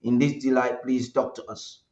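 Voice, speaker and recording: A man's voice: mid-range voice, flat delivery, moderate pace, darkish tone. A man hosts a live interview, pacing his formal phrasing with small halts and restarts. His voice comes through a roomy, echoing space on dull, lo-fi audio. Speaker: host.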